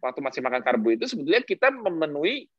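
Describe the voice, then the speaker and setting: A speaker explaining health science in casual podcast talk, animated, posing rhetorical questions and mixing in English terms. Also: medium pitch, racing, dry recording, lo-fi sound.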